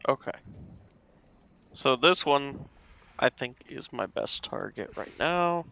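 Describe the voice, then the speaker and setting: A man's voice: medium pitch, lively intonation, takes it slowly, creaky, sharp tone. A man playing a tabletop game, thinking aloud in casual talk.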